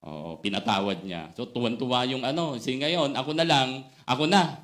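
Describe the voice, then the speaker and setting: A man preaching, pitched squarely in the middle of the male range. He tells his story with animation, dropping to hushed asides and rising to loud, excited bursts. English phrases drift through his talk. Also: moderate pace. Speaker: pastor. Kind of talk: storytelling sermon.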